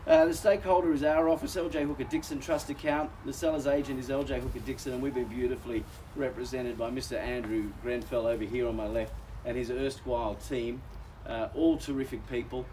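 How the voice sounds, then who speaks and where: Genial and folksy, an Australian auctioneer calls out to the "folks" gathered outdoors at a house auction, though a recent chest infection has weakened his voice. He speaks fairly quickly in a warm, steady, mid-range voice. Recorded from afar, the rough audio has a little hiss or hum.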